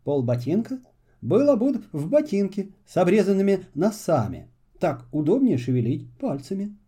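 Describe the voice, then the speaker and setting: A man narrating a children's fairy tale in an expressive, melodic reading. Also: sits high, normal speed, breathy edge.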